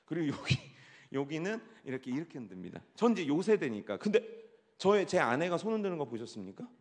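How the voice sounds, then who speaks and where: A middle-aged man preaching a youth-worship sermon, teasing the crowd, dropping to a hush and then rising to a shout. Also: fairly high pitch, fairly quick. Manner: animated, teasing the audience, swings from hushed to shouting. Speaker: pastor. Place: large church hall. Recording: long hall reverb.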